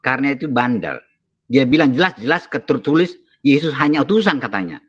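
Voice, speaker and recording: A man's voice: medium pitch, sing-song, a little fast, husky, muffled recording. A man, a pastor, angrily scolding and insulting his opponent in a heated debate. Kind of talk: heated online religious debate.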